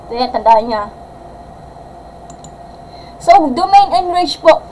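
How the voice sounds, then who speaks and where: A woman math teacher giving a live-streamed algebra lesson in a loud voice that sounds angry, mixing English terms in and checking with "gets?". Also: sits high, expressive, takes it slowly, a little hiss or hum, rough recording. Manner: mixes English terms into Filipino, asks "gets?".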